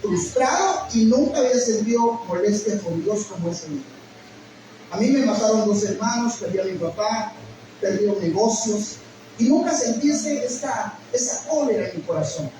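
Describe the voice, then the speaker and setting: A man's voice: high voice, expressive, normal speed, mellow. A middle-aged man, a pastor, telling an emotional personal testimony in a sermon and often calling listeners "brother". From Guatemala. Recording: echoey hall, mic at a distance, noisy.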